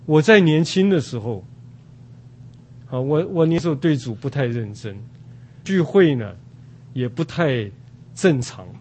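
An older man from Taiwan preaching a sermon at an unhurried pace, with many drawn-out "ah" fillers. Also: a little high, animated, a little mellow, slight background noise.

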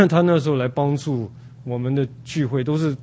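An older man from Taiwan preaching a sermon at an unhurried pace, with many drawn-out "ah" fillers. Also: medium pitch, darkish tone, dull audio.

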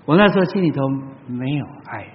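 A man preaches in a church hall, telling stories to the congregation. His voice swings from loud exclamations to soft, low asides. The sound is muffled and lo-fi, with a long reverb trailing after each phrase. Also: expressive, fairly quick. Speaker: pastor. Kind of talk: sermon.

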